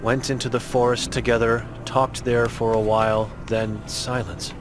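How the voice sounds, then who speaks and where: A man's voice: medium pitch, little pitch movement, normal speed, soft background music, lightly acted. A man voicing an old blind mute woman in a game, grim and guilt-ridden, speaking in terse, broken phrases.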